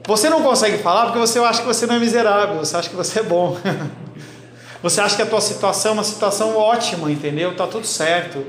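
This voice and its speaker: A man's voice: sits high, rapid-fire, few pauses. A man, a pastor teaching a Bible class in a blunt, teasing way and calling on listeners by name. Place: church hall. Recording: roomy church echo, faint noise.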